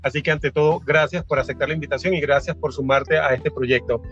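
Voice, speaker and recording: Man, podcast host, casual, higher pitch, muffled lo-fi audio, faint music. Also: steady tone, fairly quick, a bit bright. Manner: friendly, with frequent fillers and restarts.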